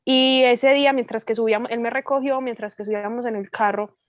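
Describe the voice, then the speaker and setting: Colombian woman guest speaker, higher register, lively storyteller, dry muffled recording. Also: brisk, no echo. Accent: Colombian Spanish. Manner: lively storytelling, acting out dialogue. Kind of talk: testimony in a prayer meeting.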